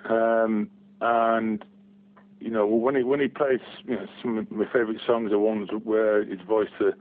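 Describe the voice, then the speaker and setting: He's a forties-aged fan from Barnsley, England, phoning in for a casual interview, and he speaks unhurriedly in a fairly low, flat voice. Ums and restarts pepper his hesitant replies, and the telephone audio is heavily filtered and phone-quality.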